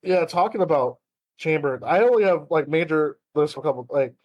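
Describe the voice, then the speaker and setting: A man's voice: a little high, expressive, a little fast, darkish tone, dry recording, highs cut off. A man co-hosting a podcast in casual chat, rambling with many fillers and restarts. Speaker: podcast co-host.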